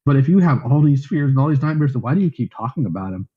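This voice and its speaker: Fast-talking man scolding on a muffled line. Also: mid-range voice, expressive. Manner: confrontational, scolding. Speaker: call moderator. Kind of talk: heated voice call confrontation. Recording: dull lo-fi voice chat audio.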